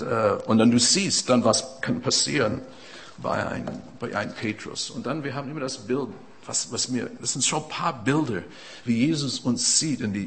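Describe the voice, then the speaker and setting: A man preaching a sermon in non-native German with halting restarts. He swings between loud emphatic peaks and quiet, reflective passages. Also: mid-range voice.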